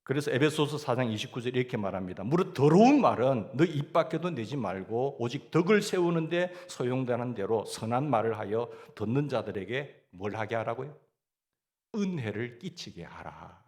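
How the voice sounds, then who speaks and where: A man's voice: medium pitch, big pitch swings, moderate pace, darkish tone. A man with a Gyeongsang Korean accent preaching a sermon as pastor, asking the congregation questions and answering them himself.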